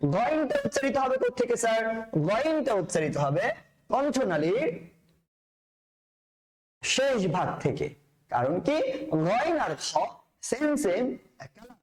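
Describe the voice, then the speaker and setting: A man's voice: extremely high pitch, big pitch swings, takes it slowly, long pauses, rough recording. A man teaching the pronunciation of Arabic letters, drilling each letter by repeating it and addressing the learner as sir, with playful asides. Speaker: Quran reading teacher.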